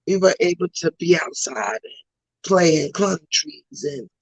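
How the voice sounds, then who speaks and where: A comedian from Trinidad, guesting on a podcast, talks in a thick Trinidadian accent with a New York tinge. Her low, gravelly voice is unhurried, and she's blunt and emphatic, repeating her points. The recording is dry and of poor quality.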